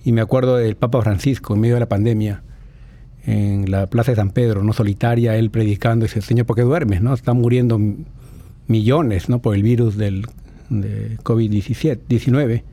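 Man, mellow dark tone, casual bible reflection, lots of "eh" and tag questions. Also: on the low side, fairly even intonation, normal speed. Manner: thoughtful, with many fillers and tag questions. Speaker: co-host commenting on scripture. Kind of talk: casual religious commentary.

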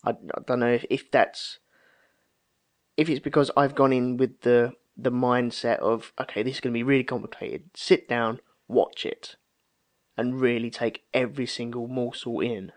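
A man in his thirties chats casually and tells anecdotes, acting out the remarks he quotes. His mid-range voice holds a steady tone at normal speed.

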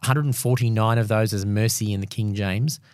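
Low-voiced man, quick casual talk. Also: steady tone, a little mellow, no echo, clean studio sound. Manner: quick, thinking aloud with restarts. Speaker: podcast co-host. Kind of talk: casual Bible discussion.

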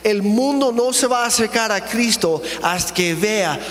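A man's voice: sits high, a little slow, fairly bright tone, long reverb tail. A man preaching a sermon in earnest, emphatic style, asking his congregation rhetorical questions. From not from here, speaks with an accent. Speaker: pastor. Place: church auditorium.

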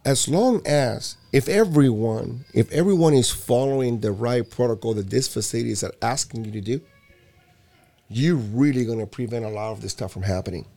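A man from Puerto Rico talks casually and emphatically about youth sports. He presses his points hard and restarts phrases with repeated words, and his voice sits at an ordinary middle pitch. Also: normal speed, gravelly, warm tone. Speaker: youth basketball program director. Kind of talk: casual conversation.

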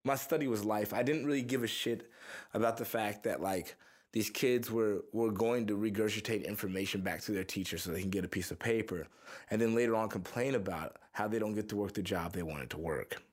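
This young Houston-area musician talks fairly quickly in a lowish voice during an interview. He tells rambling stories in a casual, relaxed way, swearing as he goes.

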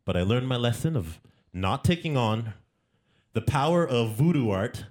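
A man, a guest artist, telling animated anecdotes in casual conversation, often laughing as he goes. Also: mid-range voice, normal speed. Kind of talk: casual storytelling.

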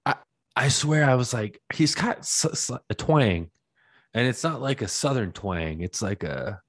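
A young man hosting a podcast in casual chat, upbeat and quick to laugh. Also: mid-range voice, lively intonation, a bit bright. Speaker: podcast host.

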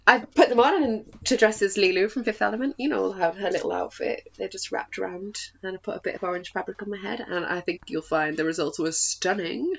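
A woman's voice: mid-range voice, a little fast, gravelly, hardly any pauses, fairly bright tone, husky. A woman talking as a podcast guest in a casual chat. She laughs often and jokes about herself. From northern England. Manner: giggly, self-mocking, laughs often. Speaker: guest, burlesque performer. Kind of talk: casual video-call chat. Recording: slightly dull lo-fi audio with faint noise.

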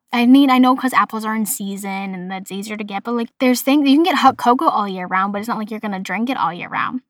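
A woman's voice: fairly high pitch, a bit bright, dry recording, studio quality. A woman with a Boston accent hosting her own podcast, chatting in a bubbly, rambling way. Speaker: podcast host. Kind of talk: casual solo podcast chat.

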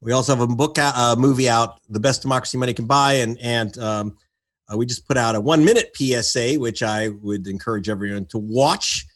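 A man's voice: medium pitch, a little fast. A man who is an investigative reporter, introducing himself as a guest on a panel in a self-assured way with hesitant fillers. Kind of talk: casual panel talk.

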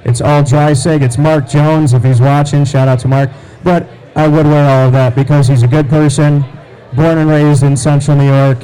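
A man's voice: on the high side, level tone, moderate pace, mellow, clean tone, low-quality recording. An American man hosting a live sports show, bantering and announcing emphatically in casual talk.

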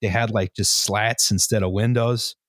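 A man's voice: fairly low pitch, steady tone, normal speed, a bit bright, dry recording, clean studio sound. A man hosting a casual history podcast, explaining at length with many fillers and checks of "right?". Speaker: podcast host presenting the history.

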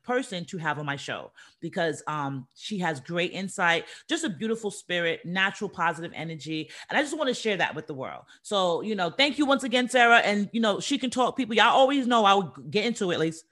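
A woman from the Bronx hosting a casual interview, animated and chatty. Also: mid-range voice, brisk, hardly any pauses. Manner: animated, chatty, says y'all and dope. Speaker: host.

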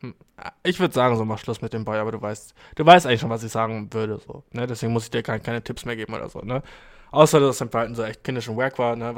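A man hosting a podcast, reading out and reacting to listener mail in casual, slangy chat full of English words and swearing. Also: clean tone. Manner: animated, jumps into high exclamations.

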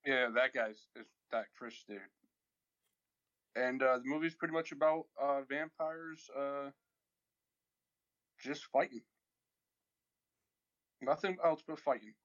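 A man chatting casually with friends, halting and deadpan with many fillers. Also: mid-range voice, muffled recording. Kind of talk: casual chat.

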